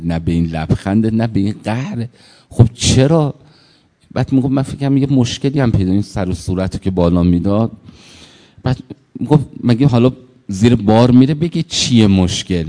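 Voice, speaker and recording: Low, mellow male preacher in a hall. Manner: storytelling, acting out the people in his stories. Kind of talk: sermon with anecdotes.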